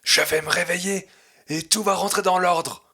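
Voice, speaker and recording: A man's voice: high voice, fairly even intonation, moderate pace, pushed and bright, breathy edge, full character voice. A man voicing a flustered, grumpy father in a children's storybook, sighing and protesting. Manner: exasperated, lamenting. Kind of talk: storybook reading.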